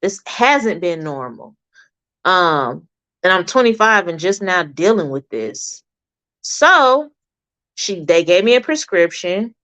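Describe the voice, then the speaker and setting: A woman's voice: fairly low pitch, big pitch swings, slow, fairly bright tone. Candid woman chatting on a livestream. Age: 30s. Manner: candid, rambling storytelling with many fillers. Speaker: livestream host. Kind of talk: casual personal livestream chat. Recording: dull lo-fi livestream audio.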